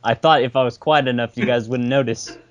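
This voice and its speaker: A man's voice: mid-range voice, fairly even intonation, fairly quick, lo-fi sound. Male podcast co-host, easygoing, jokey dry asides, webcam-call sound. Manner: joking, agreeable, dry asides. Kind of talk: casual chat. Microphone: video call.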